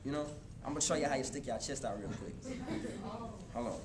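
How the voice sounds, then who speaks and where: A man in his twenties giving a motivational talk to a live college audience, casual and animated, speaking straight to the crowd. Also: medium pitch, fairly quick. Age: 20s. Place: college hall before an audience. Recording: echoey hall with room noise.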